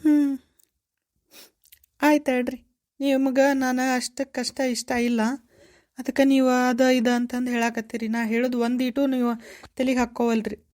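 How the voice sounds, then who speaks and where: A woman's voice: high voice, little pitch movement, unhurried, long pauses, a little mellow. A woman voicing a devoted, emotional young village woman with a North Karnataka Kannada accent, pleading and insistent. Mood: hurt. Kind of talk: cartoon voice acting.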